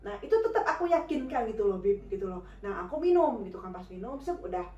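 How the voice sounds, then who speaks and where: A woman's voice: medium pitch, sing-song, fast, dark tone, reverberant, distant mic, dull audio. A woman telling a personal story in a chatty, informal way, full of fillers and acted-out dialogue. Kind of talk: casual spoken storytelling.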